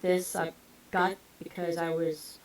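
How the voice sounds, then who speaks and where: A woman's voice: on the low side, level tone, unhurried, low-quality recording. Teasing woman with a Southern twang. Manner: chatty and playfully teasing. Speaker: music reaction YouTuber. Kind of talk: casual chat to viewers.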